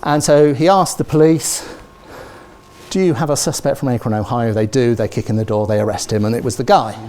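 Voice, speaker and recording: Captured on a lapel mic in a big lecture theatre, a middle-aged man from Britain gives a spirited university lecture in British English. He talks fairly quickly at a medium pitch and keeps prompting the audience with "okay?" and "yeah?".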